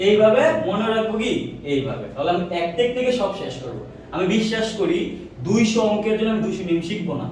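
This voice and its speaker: A man's voice: high-pitched, sing-song, fast, darkish tone, slight background noise. Man, physics teacher, call-and-response drilling, distant mic, echoey classroom. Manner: drills students with repeated questions, answers himself. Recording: echoey room, mic far off.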